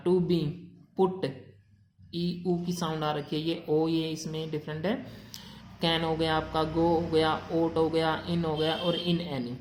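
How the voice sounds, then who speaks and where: A woman teaching a shorthand class. She reads English rules slowly and explains them in mixed Hindi and English. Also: fairly low pitch, a little mellow, slight background noise. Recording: echoey room.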